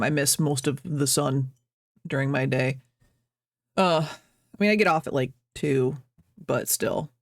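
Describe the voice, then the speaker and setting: A woman's voice: low-pitched, creaky, no room sound. Chatty woman streamer in a dry room. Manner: chatty, rambling, reads chat aloud, laughs often. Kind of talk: casual chat with stream chat. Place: at home, birds outside.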